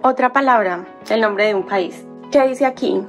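Soft music plays behind a fairly high-pitched female language teacher. Working at a whiteboard, she teaches an alphabet, sounding out syllables one by one in a slow, patient, explanatory way.

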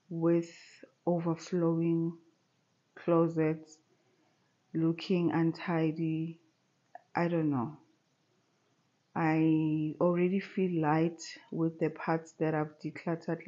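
A woman in her thirties vlogging casually from a living room sofa, talking in a relaxed, chatty way with many pauses. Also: on the low side, highs cut off. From South Africa. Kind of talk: casual chat to camera. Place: bright living room at home, seated on a sofa.

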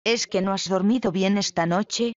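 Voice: mid-range voice, normal speed, no echo, close to an everyday voice. A reader doing a bitter, prying young sister. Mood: pointed. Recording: dull, lo-fi, dry.

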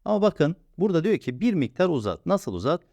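Man, patient teacher, lively rising and falling voice, dry close recording. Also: a little high, no room sound. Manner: patient, repeats sounds slowly and asks himself questions. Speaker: Quran reading teacher. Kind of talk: step-by-step recorded lesson.

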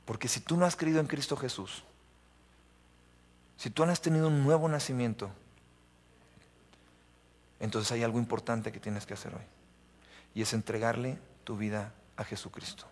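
A man's voice: medium pitch, steady tone, normal speed, pauses often. A man preaching a live sermon to young people in a church, emphatic, repeating refrains and asking the audience questions. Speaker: youth preacher. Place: church sanctuary. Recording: long reverb of a church hall.

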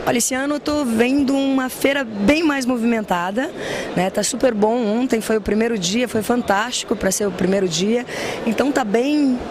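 A woman's voice: on the high side, normal speed, a crowd in the background. A woman in her thirties, a school franchise director, giving an upbeat promotional answer in an interview. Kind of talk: trade fair interview. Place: busy indoor trade fair hall. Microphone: handheld mic held by interviewer. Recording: noisy trade fair hall.

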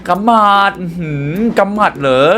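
A young man hosting a gaming channel, excitedly commenting on a puzzle game and talking to his viewers. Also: sits high, normal speed, noisy background. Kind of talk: let's play commentary.

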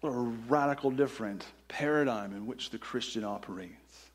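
A man's voice: mid-range voice, moderate pace, breathy edge. A man preaching a sermon in a church, reading scripture and asking the congregation earnest rhetorical questions. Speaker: pastor. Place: church sanctuary.

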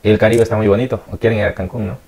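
A woman from Guerrero, hosting a casual podcast interview and explaining things in a relaxed way. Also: a bass voice, racing, slight background noise. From Guerrero, Mexico. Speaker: podcast host.

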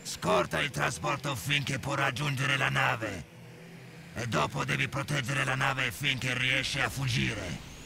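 Very gravelly, stern game commander. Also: male voice, mid-range voice, measured pace, background noise. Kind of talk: video game mission dubbing.

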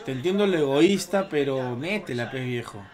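A man in his thirties giving casual, slangy live reaction commentary on a football match, cursing and yelling at the goals. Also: mid-range voice, animated, normal speed, crowd noise. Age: 30s.

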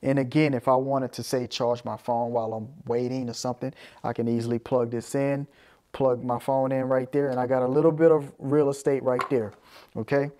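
In a small, carpeted indoor room, a male presenter walks through audio gear hands-on in a relaxed way. His voice is mid-range and warm with a flat, slightly quick delivery, and he explains each step while often asking "right?"

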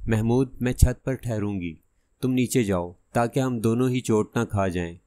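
A man voicing a quick-witted young girl detective in an audiobook, speaking calmly and boldly. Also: medium pitch, lightly acted.

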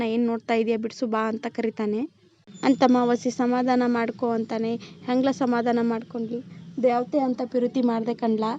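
A woman's voice: a little high, warm tone. A woman retelling a TV serial episode, reading the characters' lines in quotes without acting them. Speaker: serial recap narrator. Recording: dull lo-fi recording.

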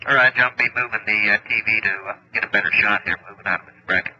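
A man's voice: fairly low pitch, very fast, sharp tone, slightly rough, highs cut off. A man in a spacecraft giving clipped radio reports to the ground, heard over a breaking-up space radio downlink. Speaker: astronaut. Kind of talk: clipped radio procedure talk.

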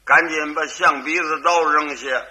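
A man's voice: a little high, fairly even intonation, a little slow, pushed and bright. A man performing a crosstalk comedy routine as lead storyteller, switching between his narration and character voices.

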